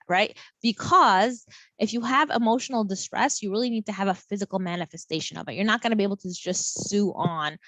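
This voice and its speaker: A woman professor lecturing a college class over a video call, chatty and lively, often repeating words. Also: medium pitch, dry recording.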